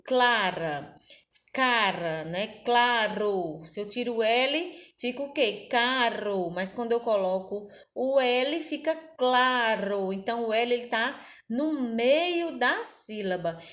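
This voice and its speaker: A woman teacher from Brazil walks small children through a recorded lesson. Her voice sits a little high. She speaks gently, with fond little words and frequent "right?" checks. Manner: gentle, uses diminutives and rhetorical questions. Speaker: primary school teacher.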